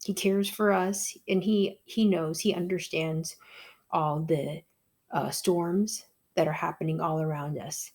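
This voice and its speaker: A woman giving a gentle devotional talk, telling a story in a slow, soft-spoken way. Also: lowish voice, gravelly, breathy edge.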